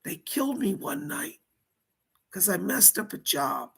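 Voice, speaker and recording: Woman as seance medium channeling a remorseful male gangster ghost, very gravelly, swooping pitch, halting, whispery, anguished confession. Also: very animated, a bit bright, full character voice. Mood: regretful, confessional. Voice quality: husky, breathy, creaky. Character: remorseful, frightened dead male mobster spirit from the seventies. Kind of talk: seance medium trance channeling, dramatic first-person confession.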